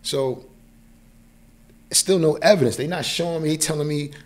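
A man's voice on the high side, moving at normal speed, tells a personal story in a casual manner. He's in his forties, from New York, United States, with a New York accent, and as a podcast guest he often checks in with the listener. The sound comes from a close boom-arm mic in a small indoor podcast studio.

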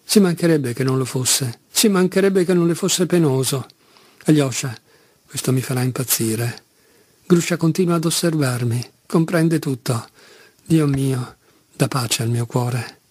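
A man's voice: medium pitch, a little slow, a little mellow, slightly rough, no room sound. A man voicing a passionate, self-loathing young Russian convict who pleads and reproaches himself, in an audiobook reading. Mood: anguished.

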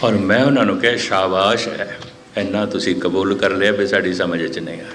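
A male preacher with a lowish voice giving a sermon. He moves slowly, repeating phrases, and speeds up when quoting others. A faint hiss sits under the recording. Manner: measured, repetitive phrasing, quotes listeners in lively asides. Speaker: Sikh scripture preacher. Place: gathering hall, abroad.

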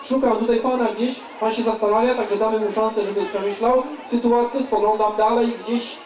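A man's voice: high-pitched, level tone, brisk, a little mellow, slight background noise. A man working as a playful charity auctioneer, calling and repeating bids from a stage. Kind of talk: live auctioneer patter, calling bids to a crowd. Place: event stage with live audience. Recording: echoey stage, far from the mic.

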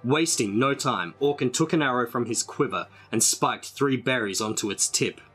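A man reading a storybook aloud in a dramatic, measured way. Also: medium pitch, fairly bright tone, slightly rough, soft background music. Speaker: storybook reader.

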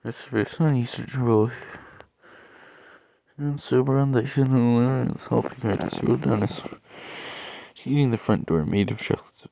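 A young man reading fan-made stories aloud, stumbling and halting with asides, over faint background noise. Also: mid-range voice, gravelly, warm tone, no echo, muffled recording.

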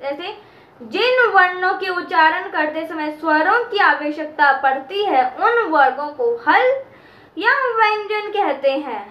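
Teacher, female, very high bright voice, slow and patient delivery, echoey room. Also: animated, highs cut off. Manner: repeats key terms and draws out chanted sounds. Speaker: Sanskrit teacher. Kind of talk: slow explanatory lesson.

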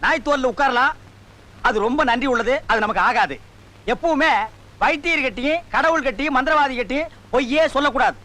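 A hot-tempered fake priest. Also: male voice, extremely high pitch, fairly quick, sharp tone. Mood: scolding. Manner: scolding, abusive. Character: fake village priest, man, quick-tempered. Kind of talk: film comedy dialogue.

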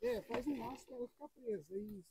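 A woman, the vlogger's partner, briskly giving practical instructions outdoors. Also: a little high, big pitch swings, gravelly, dark tone, low-quality recording. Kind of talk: casual talk on camera. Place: outdoors in scrubland by a car.

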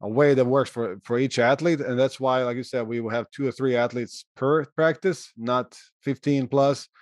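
Earnest coach, dry sound. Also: male voice, medium pitch, fairly even intonation, moderate pace, dry recording. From Croatia. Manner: earnest, adds "right?" to check in. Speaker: college throwing coach, host. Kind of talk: casual interview chat.

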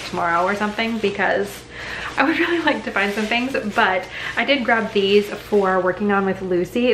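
Bubbly chatty young mom vlogger. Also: female voice, medium pitch, fairly bright tone. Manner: bubbly, enthusiastic, chatty with many likes. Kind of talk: casual haul chat to camera. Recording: echoey room with faint background hum.

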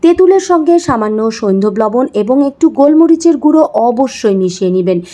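A woman, calmly explaining home remedies and speaking directly to the viewer in an instructional talk. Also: on the high side, fairly quick. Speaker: health and beauty tips presenter.

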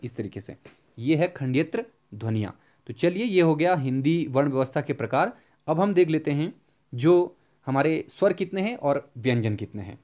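A man's voice: medium pitch, a little mellow. Man teaching with self-answered questions. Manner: asks questions then answers them himself; slows down to spell out examples. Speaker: Hindi grammar teacher. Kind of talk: exam-prep lecture.

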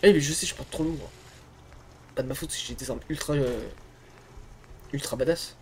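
A man giving casual let's-play commentary, excitable, swearing, and muttering to himself between outbursts. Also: medium pitch, moderate pace, a little hiss or hum. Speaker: gamer streamer.

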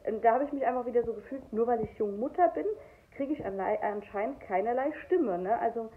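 A woman's voice: a little high, brisk. A woman in her twenties, a young mother, telling a storytime vlog in a heated, indignant way. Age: 20s. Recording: tinny phone-like sound, faint noise.

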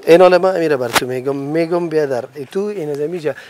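A man's voice: on the high side, noisy background. A man hosting a hidden-camera prank, talking in a pushy, menacing way on a city street. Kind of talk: prank confrontation in casual street talk.

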